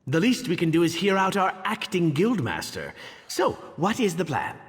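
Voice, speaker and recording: A calm, knowing beast-folk thief with a tail in a fantasy game. His slightly husky voice swings widely in pitch. A long reverb hangs on it. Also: full character voice. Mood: confident. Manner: measured, explanatory, knowing. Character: calm tailed male cat-folk thief, knowing spy. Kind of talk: game cutscene voice acting.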